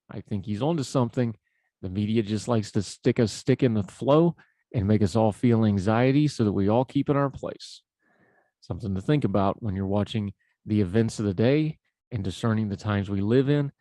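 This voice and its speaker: A man's voice: medium pitch, warm tone, no echo. A man with an Appalachian hillbilly accent hosting a talk show, giving conversational news commentary in a folksy, informal way.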